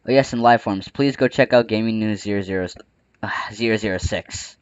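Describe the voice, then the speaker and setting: Hiccuping young gamer, dull lo-fi mic. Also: male voice, fairly low pitch, brisk, clear, resonant tone, no room sound. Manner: playful trash talk. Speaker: gaming channel host. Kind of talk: casual gameplay commentary. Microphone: close desk microphone.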